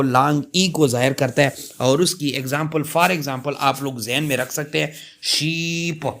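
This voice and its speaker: A man's voice: on the high side, a bit bright. A man teaching a lecture on English pronunciation, explaining patiently with many fillers, repeating points and stretching out example words.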